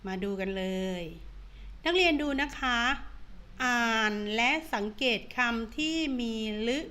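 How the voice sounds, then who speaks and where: A woman teacher giving an online reading lesson to young pupils, drawing out each word slowly in a sing-song drill and coaxing them to read along. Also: on the high side, lively intonation, bright, forceful tone. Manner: slow, drawn-out, sing-song drilling of words. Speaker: primary school teacher.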